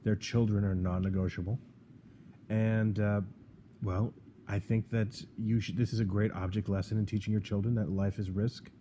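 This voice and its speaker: A man with a low, mellow, dark voice holds forth in casual podcast talk. He argues his points with sarcasm and often stumbles and restarts mid-sentence. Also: little pitch movement, normal speed, slight background noise. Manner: sarcastic, argumentative, frequent restarts. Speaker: podcast co-host. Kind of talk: opinionated casual chat.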